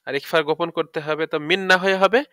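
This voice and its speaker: A man's voice: on the high side, steady tone, quick pace, bright, forceful tone, clean tone, no room sound, clean studio sound. A man teaching Quran recitation, spelling out letters one by one and stretching out the words as he recites, often checking that listeners follow. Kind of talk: tajweed lesson, explaining and demonstrating recitation.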